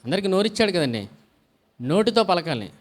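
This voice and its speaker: A man's voice: sits high, very animated, brisk. A male pastor preaching a sermon, asking the congregation questions, answering them himself and calling out hallelujah often. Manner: call-and-response preaching with frequent hallelujahs.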